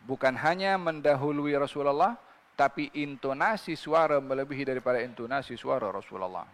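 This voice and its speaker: A man's voice: medium pitch, brisk, long reverb tail. A man preaching a religious sermon, reciting scripture in Arabic and asking his listeners rhetorical questions.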